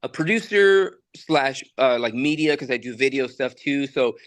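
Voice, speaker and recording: Here the young Salvadoran studio producer and musician sounds expressive, talking at normal speed in a medium-pitched voice without echo. It's a relaxed podcast conversation in a recording studio, loose and rambling with many fillers and restarts.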